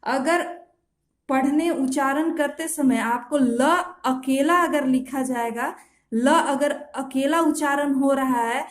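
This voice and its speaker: Slow, high-voiced woman shorthand teacher. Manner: slow, patient explanations with self-corrections and repeated examples. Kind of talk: step-by-step instructional lesson. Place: home.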